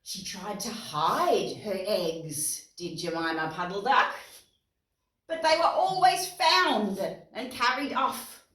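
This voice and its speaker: An Australian woman presents storytime for young children, reading expressively at a slow pace in a medium-pitched voice. She asks listeners questions and explains words simply. The mic is distant, with roomy echo and guitar music behind her.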